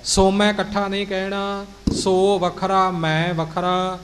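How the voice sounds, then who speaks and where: A man teaching exact pronunciation of scripture, speaking deliberately and repeating words syllable by syllable. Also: high-pitched, monotone. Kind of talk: instructional explanation. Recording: reverberant hall, faint noise.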